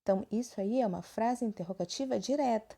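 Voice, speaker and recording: A woman's voice: a little high, fast, gravelly, mellow. A woman with a Brazilian Portuguese accent, teaching a recorded grammar lesson and checking in with her students often. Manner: explanatory, frequent check-ins with students. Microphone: phone screen recording.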